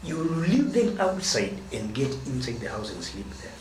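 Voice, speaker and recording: A Kenyan man in a mid-range, very animated voice gives a marriage lesson at a moderate pace, drawing out and stressing key words. His teaching monologue is recorded from afar, noisy and full of roomy echo.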